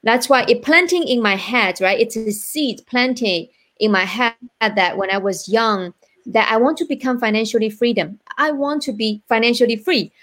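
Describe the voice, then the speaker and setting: A woman's voice: a little high, normal speed, fairly bright tone. A woman from China with a Chinese accent, speaking earnestly as a guest entrepreneur on a live online interview show, often checking in with "right?".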